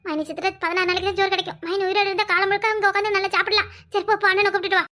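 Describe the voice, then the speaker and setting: A woman's voice: very high voice, level tone, racing, bright, forceful tone. A woman voicing a lazy, greedy and cheeky young sister-in-law in a cartoon, brash and mocking in a Kanyakumari Tamil accent. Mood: dismissive. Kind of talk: cartoon voice acting.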